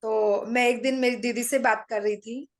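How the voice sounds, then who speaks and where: A middle-aged woman with a slightly high voice gives a personal testimony to an audience. She stays calm and matter-of-fact, slipping into her own remembered lines of dialogue as she goes. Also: normal speed. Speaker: meditation practitioner sharing her story.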